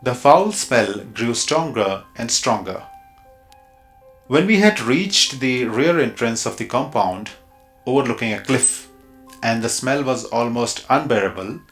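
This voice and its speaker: A man from India, narrating an audio story in a measured, reflective way. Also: medium pitch, fairly bright tone. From India, Kumaon Himalayas.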